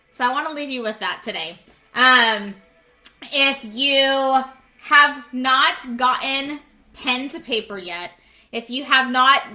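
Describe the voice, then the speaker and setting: A young woman speaks in a bright, fairly high voice, giving a heartfelt devotional talk. She is earnest and drives her points home by repeating phrases. Her emotion sits close to the surface as she speaks.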